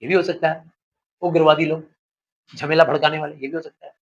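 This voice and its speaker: A man's voice: fairly high pitch, little pitch movement, a little fast, dull audio, a little hiss or hum. A male teacher explaining a literature lesson, paraphrasing the text and asking rhetorical questions.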